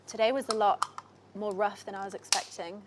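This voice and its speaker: A woman's voice: medium pitch, steady tone, brisk, heavy background noise. A woman working as a researcher, talking unscripted and explaining field observations. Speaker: marine researcher.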